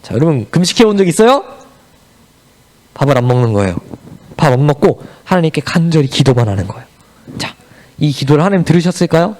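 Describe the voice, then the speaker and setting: Casting note: a high-voiced, very expressive male children's pastor who tells a Bible story and quizzes the children as he goes. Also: fast talker, long pauses. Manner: animated storytelling, asks the children questions. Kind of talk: children's sermon.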